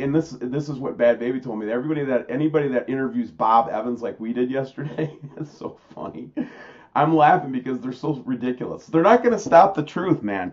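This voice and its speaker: A man hosting his own channel, talking loosely and casually to viewers about pictures, calling them man and guys. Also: medium pitch. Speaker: channel host. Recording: dull lo-fi sound.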